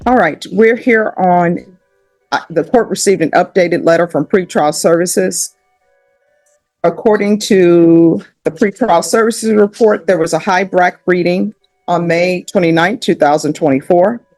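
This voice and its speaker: A woman's voice: lowish voice, darkish tone. A woman judge presiding over a hearing, heard in a courtroom recording, speaking firmly and going step by step through the procedure. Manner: firm, procedural, speaks directly to the defendant.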